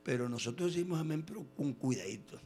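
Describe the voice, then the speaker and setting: A man preaching a sermon, telling stories with quoted voices and sudden loud bursts. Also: a little high, lively intonation, fast, faint music behind.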